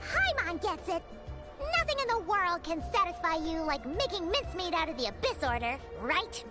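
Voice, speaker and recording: A woman's voice: very high-pitched, very animated, normal speed. A woman voicing a tiny, chatty fairy girl companion who talks about herself in the third person, in a video game. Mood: chirpy. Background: game music.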